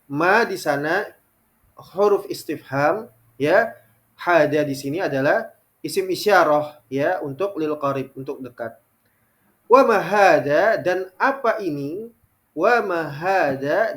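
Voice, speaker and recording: A man teaching an online Arabic lesson, reading example sentences slowly and often adding "ya" between phrases. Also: on the high side, animated, fairly bright tone. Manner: frequent filler "ya" between phrases.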